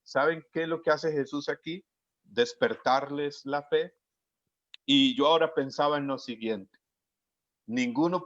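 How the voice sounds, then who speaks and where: A man preaching a sermon in an earnest way, slowing down to stress key words and acting out the lines he quotes. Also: fairly high pitch, fairly bright tone. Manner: acts out the quoted lines of the scripture. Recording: dry, dull lo-fi audio.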